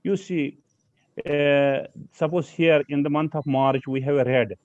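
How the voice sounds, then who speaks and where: Halting man lecturing over a video call. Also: fairly high pitch, steady tone, a little mellow, no echo. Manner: halting, many fillers and restarts. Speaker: lecturer on pollen allergy. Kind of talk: online slide lecture. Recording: slightly dull video call audio.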